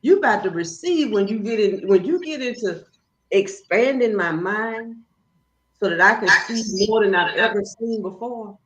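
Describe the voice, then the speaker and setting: A woman guest in casual spiritual conversation, telling stories in an animated, preachy way. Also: mid-range voice, normal speed. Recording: roomy, dull, faint noise.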